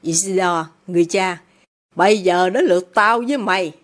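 A woman reading the part of a furious, greedy middle-aged businessman father, shouting and contemptuous. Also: fairly low pitch, moderate pace, lightly acted. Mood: raging.

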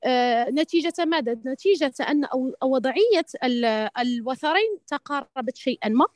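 In a studio-quality, echo-free recording, a woman leads an online tajweed lesson, answering questions about Quran recitation. Her high, expressive voice has a darkish tone and moves fairly quickly, though she speaks hesitantly, often restarting and adding pious interjections.

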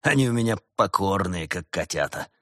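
A man voicing a gruff old farmer who bellows at his oxen, rolling his r's. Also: sits low, animated, moderate pace, fairly bright tone, dry recording, studio quality. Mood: grinning. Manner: hoarse bellowing, rolled-r calls.

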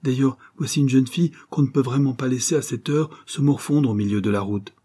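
A man voicing an uneasy, fussy gentleman who speaks nervously and with perplexity, in an audiobook reading. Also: mid-range voice, brisk, slightly rough, voice pushed up, lightly acted. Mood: indignant. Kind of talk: audiobook character voice.

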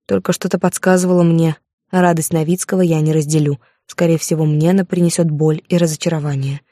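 A woman's voice: low voice, flat delivery, brisk, mellow, dry recording, clean studio sound. A woman narrating a first-person audiobook with a dramatic, emotional reading.

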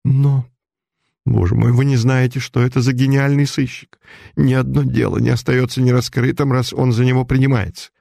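A man voicing a young noblewoman with a hoarse, husky voice, speaking in desperate, pleading tones in a storybook reading. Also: mid-range voice, level tone, normal speed, mellow, no echo, clean studio sound, pitched above the performer's own voice.

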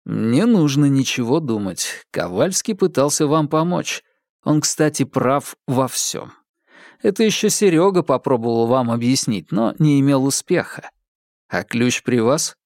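A man playing a calm, ironic young male detective with a dry, teasing, unhurried manner in an audiobook. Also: mid-range voice, no room sound. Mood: wry.

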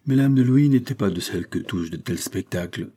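A man reading a classic novel aloud in steady, dramatic narration. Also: on the low side, brisk, breathy edge. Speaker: audiobook reader.

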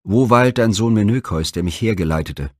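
A man's voice: on the low side, moderate pace, no room sound, studio quality, close to an everyday voice. A man reading the part of a stern old blind seer in a myth storybook, speaking in grave, solemn pronouncements.

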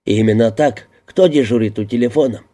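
A man's voice: mid-range voice, a little fast, mellow, lightly acted. A man reading an audiobook voices a harried, exasperated police lieutenant who answers his superior defensively and barks orders at his squad. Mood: brusque.

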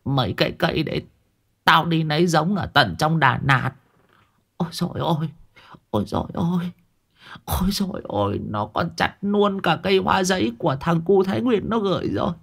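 A man voicing a panicky, self-pitying old man who wails and bleats in a high, strained voice. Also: expressive, normal speed, vocal fry, fairly bright tone, full character voice. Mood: wailing.

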